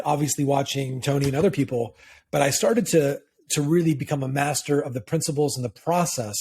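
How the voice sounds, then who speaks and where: A man's voice: a little high, mellow, breathy edge. A man speaking as a sales coach in an interview, telling stories animatedly and acting out the lines he quotes. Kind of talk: conversational interview answer.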